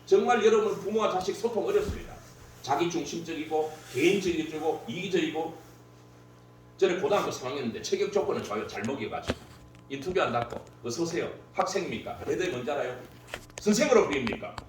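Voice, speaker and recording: A man's voice: on the high side, fast. A man giving a humorous workshop lecture, joking and laughing at his own stories. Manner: jokey, laughs at own stories, lively delivery. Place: lecture hall. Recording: very echoey hall, distant mic, faint hum.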